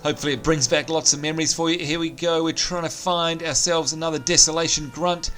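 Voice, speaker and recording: Speaking fast in a fairly high, slightly bright voice with a steady tone, a let's play host thinks aloud and chats cheerfully as he plays. His voice is strained and nearly lost. Game sounds and music can be heard.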